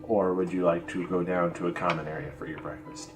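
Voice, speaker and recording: Very deep-voiced woman game master. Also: fairly even intonation, brisk, over music. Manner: loose, casual, swears and laughs. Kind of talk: narrating a tabletop game.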